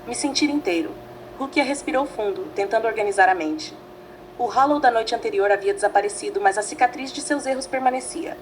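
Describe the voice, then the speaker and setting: A woman's voice: fairly high pitch, a little hiss or hum, poor audio. Dramatic woman storyteller, faint ambience. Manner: dramatic, measured reading in short phrases. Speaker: narrator. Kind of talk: scripted fanfiction narration.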